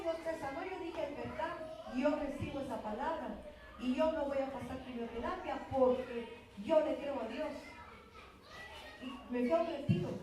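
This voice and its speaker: A middle-aged woman preacher, giving an animated sermon testimony and acting out dialogue. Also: high-pitched. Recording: echoey church hall from far off.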